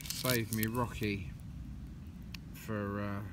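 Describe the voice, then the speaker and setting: A man's voice: fairly low pitch, flat delivery, drawn-out words. Man, 30s, casual outdoors vlogger, handheld phone, noisy open-air sound. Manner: rambling, many ums, chatty. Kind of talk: casual vlog narration. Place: woodland campsite and path outdoors. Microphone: phone camera held at arm's length. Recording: outdoor phone audio with clear background noise.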